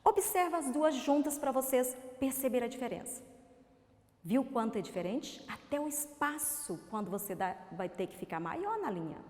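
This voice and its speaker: A Brazilian woman teaching a recorded literacy lesson to young children, sounding out words slowly syllable by syllable and asking coaxing questions. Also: high-pitched, animated, a little mellow. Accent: Brazilian Portuguese. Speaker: primary school teacher. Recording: reverberant room.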